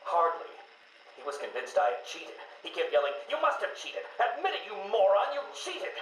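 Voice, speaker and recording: An actor playing a smug, arrogant genius villain in a game, theatrical and precise with drawn-out emphasis. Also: male voice, on the high side, lively intonation, a bit bright, reverberant, a little hiss or hum, low-quality recording. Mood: bitter. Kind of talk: video game voice acting.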